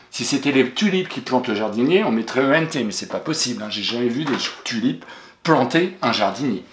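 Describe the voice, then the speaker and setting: A man's voice: mid-range voice, fairly bright tone, slight background noise. Patient male teacher spelling out words. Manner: addresses the child directly and familiarly. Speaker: primary school teacher. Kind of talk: recorded lesson correction for young pupils. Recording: roomy echoey recording.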